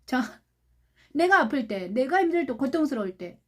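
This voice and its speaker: A woman pastor preaching a sermon, repeating phrases, asking rhetorical questions and moving between soft and loud delivery. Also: high-pitched, big pitch swings, normal speed.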